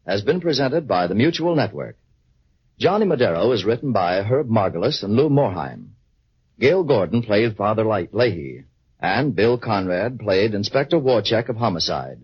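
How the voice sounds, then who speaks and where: A man's voice: fairly low pitch, big pitch swings, normal speed. An American man reading scripted credits as a formal 1940s radio announcer. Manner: formal old-time radio announcer delivery. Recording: dull, husky old radio recording.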